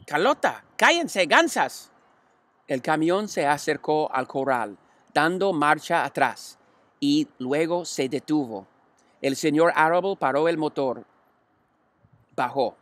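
Slow careful male storybook reader. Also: a little high, no echo. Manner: slow, careful reading with occasional slips and restarts. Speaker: audiobook reader. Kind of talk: storybook reading.

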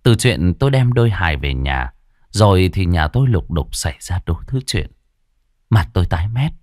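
Brief: low-voiced male storyteller, dramatic and lively, dry close mic. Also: moderate pace, no room sound. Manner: dramatic, expressive, swings between hushed and loud. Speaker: ghost story narrator.

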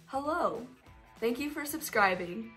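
Answering viewer questions, a teenage girl from Colorado keeps her Q&A vlog casual, upbeat, and rambling, full of fillers. Her fairly high, fairly bright voice has lively intonation and a slightly slow pace, with faint music in the background.

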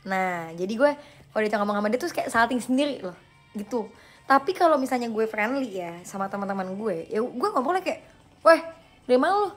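A young woman hosting a live stream, chatting casually and playfully with viewers and answering their questions in slang, quick to laugh at herself. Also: fairly high pitch, animated, soft background music. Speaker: livestream host.

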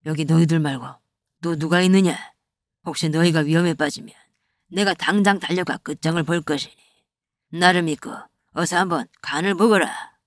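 A woman's voice: sits low, steady tone, normal speed, no echo, studio quality, voice pushed down, close to an everyday voice. A woman voicing a boastful male bandit chief who gives orders in old-fashioned speech, in a comic animation. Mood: commanding. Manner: commanding, archaic speech.

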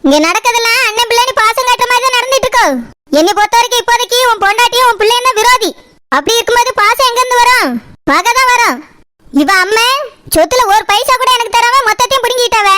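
A woman's voice: extremely high pitch, noisy background. A woman doing a bitter accusing mother-in-law. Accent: Tirunelveli Tamil. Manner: accusing, rapid angry tirades. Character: angry middle-aged mother-in-law, resentful and bitter.

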